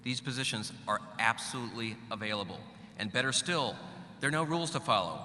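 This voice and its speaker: A man's voice: mid-range voice, lively intonation, a little fast, sharp tone. A middle-aged man giving a graduation speech at a podium microphone, with a wry, joking manner and a big hall echo around his voice. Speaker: commencement speaker. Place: large hall. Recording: echoey large hall, faint hum.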